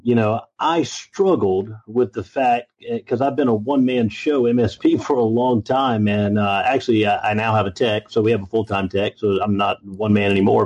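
A man's voice: mid-range voice, a little mellow. A man who owns an IT business, a podcast guest speaking in an easygoing, agreeable way. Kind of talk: casual interview. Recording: dull lo-fi audio.

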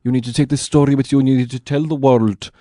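A man playing an old Irish storyteller, earnest and absurd, with a lilting, wistful, halting delivery in an improvised comedy interview. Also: mid-range voice, steady tone, dark tone, dry recording, studio quality, natural voice. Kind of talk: improvised comic interview in character.

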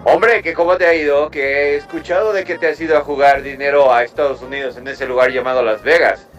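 A man's voice: fairly high pitch, fairly even intonation, fast, highs cut off, music in the background, close to an everyday voice. A man telling a joke and putting on a mock Spanish accent for the characters.

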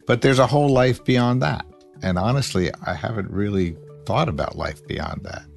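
A middle-aged man speaks in a low register with plenty of gravel. He sounds like a podcast guest, reflecting in plain conversational talk. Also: lively intonation, normal speed, soft background music. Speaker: podcast guest seeking financial advice.

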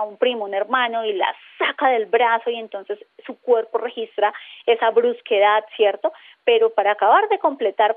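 A woman with a Colombian accent, a phobia specialist explaining in an animated way as a radio interview guest. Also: on the high side. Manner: animated explaining, acts out quoted voices. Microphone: telephone. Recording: tinny phone line.

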